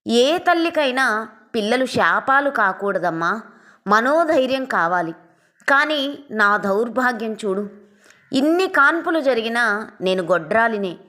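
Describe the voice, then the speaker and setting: A woman's voice: on the high side, expressive, measured pace, pauses often, sharp tone. A woman voicing a wounded aging mother who speaks in sorrowful, bitter reproach.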